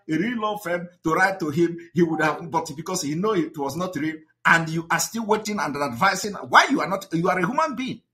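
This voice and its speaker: A man's voice: high-pitched, pushed and bright. A Nigerian man delivering a combative, mocking monologue full of rhetorical questions to his audience. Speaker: activist broadcaster. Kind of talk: impassioned monologue.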